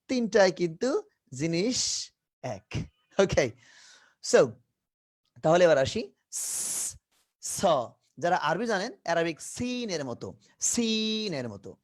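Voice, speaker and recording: A man from Bangladesh teaching an English phonetics lesson, drilling each sound over and over and mixing English words into his talk. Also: sits high. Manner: drills sounds by repeating them many times.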